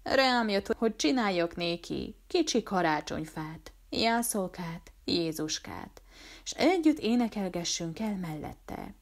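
A woman voicing a wounded fugitive murderer, speaking in a quiet, weary and resigned way in a read-aloud story. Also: medium pitch, sing-song. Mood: tender longing. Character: dying fugitive murderer man, feverish and tender. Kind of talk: audiobook character voice.

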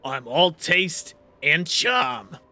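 A man's voice: on the high side, very animated, drawn-out words, bright, forceful tone, exaggerated voice. A man voicing a male talking magic mixing bowl, cocky, touchy and proud, in a tabletop game. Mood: sassy.

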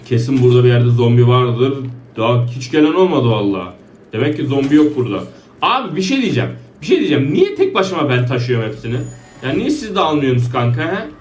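A man giving excitable, joking let's play commentary, shouting at his teammates. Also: medium pitch, quick pace, reverberant, far from the mic, slight background noise. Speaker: gaming YouTuber.

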